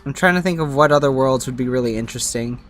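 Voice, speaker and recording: With a medium-pitched voice and a quick pace, a game streamer chats casually and thinks aloud during play. It's livestream gameplay commentary with video game music behind.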